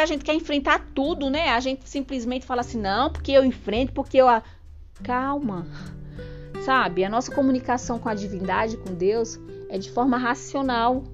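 A woman hosting a spiritual self-help podcast, talking straight to the listener in an earnest, preachy way. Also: high-pitched. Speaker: podcast host. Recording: dull lo-fi sound with faint music.

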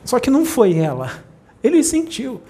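A spiritual teacher gives a talk to a small group, telling stories animatedly and acting out the voices of the people in them with big jumps in pitch. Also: normal speed. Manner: animated storyteller, acts out quoted voices with big pitch leaps.

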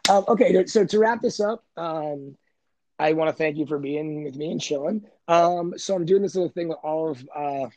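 A man's voice: on the high side, normal speed, dark tone. A young man hosting a casual podcast chat, laid-back, saying dude and bro. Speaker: podcast host.

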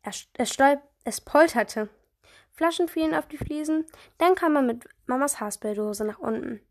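A woman reading a children's story aloud for her podcast, lively, with small slips and restarts. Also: high-pitched, moderate pace.

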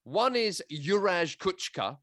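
A man hosting a football podcast, talking in an animated, joking and scathing way. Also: high voice, slow, no echo, clean studio sound. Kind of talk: casual football chat.

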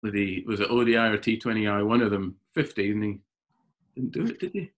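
A man with a lowish voice chats on a podcast as a cricketer guest. He tells his stories with animation and stumbles into repeated words as he builds them up. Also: fairly quick. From Scotland. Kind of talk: casual podcast chat.

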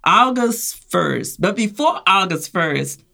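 A woman's voice: medium pitch, sing-song, slow, creaky, sharp tone. A woman telling her own story as an interview guest, acting out the voices of others and laughing as she goes. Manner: acts out quoted voices, laughs while telling. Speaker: guest sharing her experience. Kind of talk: animated personal storytelling.

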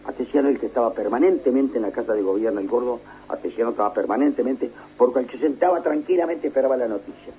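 A storytelling older Uruguayan man with a very animated voice that leaps up and down as he plays every part in his tale. The recording is slightly muffled and lo-fi. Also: mid-range voice, slight background noise. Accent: Uruguayan Spanish. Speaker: radio broadcaster telling anecdotes. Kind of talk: storytelling in casual chat.

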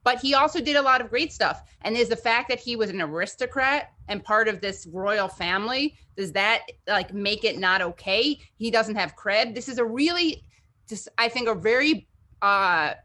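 A woman hosting a political discussion, talking in a chatty, animated way with many restarts. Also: a little high, moderate pace.

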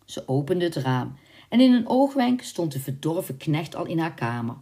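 A woman narrating a storybook in a measured, expressive way. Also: low voice.

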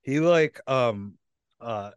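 A young man co-hosting a podcast, relaxed and agreeable, adding dry jokes to shared school memories. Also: medium pitch, drawn-out words, clean tone, dry recording. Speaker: podcast co-host. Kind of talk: casual chat.

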